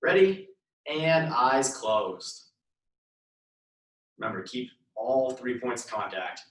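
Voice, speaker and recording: A man's voice: medium pitch, expressive, takes it slowly. A man leading a workout class as instructor, giving step-by-step cues in short repeated instructions. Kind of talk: live workout instruction and counting down reps. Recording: echoey room, voice far from mic.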